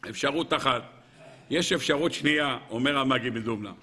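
A man teaching as a rabbi, telling a parable in a lively way and asking his audience rhetorical questions. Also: medium pitch. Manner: lively storyteller who acts out characters. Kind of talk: Torah lesson with a parable.

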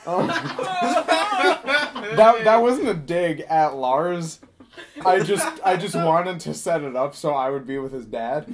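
A man's voice: on the high side, takes it slowly, crowd noise. Giggly young man telling a story. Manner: animated, giggly, swears freely, vivid impressions of friends. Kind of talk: casual anecdote telling.

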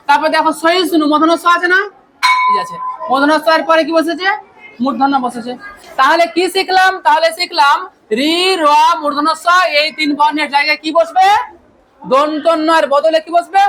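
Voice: sits high, fairly bright tone. A teacher giving a grammar lesson, often asking questions and answering them, with the odd "very good".

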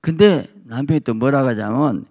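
A man pastor giving a sermon in a church, telling a story with animated voices. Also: medium pitch, moderate pace. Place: church sanctuary.

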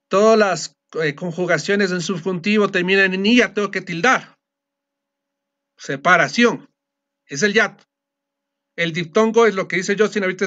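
A man with a notably high voice lectures to a class, laying out each rule step by step and checking that his students follow. The recording is dull and lo-fi. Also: a bit bright. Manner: explanatory, often checks understanding with a quick question. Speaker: teacher.

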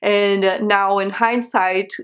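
A woman's voice: medium pitch, fairly even intonation, slow, smooth. Chatty young woman vlogger. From Brazil. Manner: chatty, candid, with frequent laughs and rhetorical questions. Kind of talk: casual talk to camera. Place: small bedroom with a sofa, indoors.

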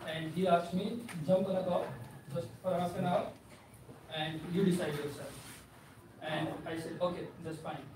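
A man's voice: a little high, level tone, normal speed. Chatty man in a very echoey room. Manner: chatty, lots of "like" and "right?". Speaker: invited speaker giving a testimonial. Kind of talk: casual personal testimonial. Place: meeting room with a seated audience, indoors. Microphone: far camera, no mic seen. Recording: very echoey room from far off, noisy.

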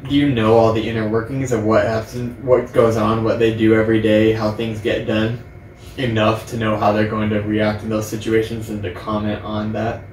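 A man's voice: lowish voice, completely flat delivery, moderate pace, a little mellow. A man chatting casually with friends, giving his opinions in a conversational way. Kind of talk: casual group chat. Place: living room, on a couch. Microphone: distant camera microphone. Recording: echoey room, distant mic, faint noise.

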